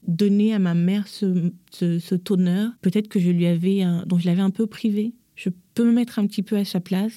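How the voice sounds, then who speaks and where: A woman in her thirties, an interview guest, tells her life story in a lively way and acts out what others said. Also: on the low side, no echo, clean studio sound. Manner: lively, acts out quotes in changed voices. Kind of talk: personal storytelling in conversation.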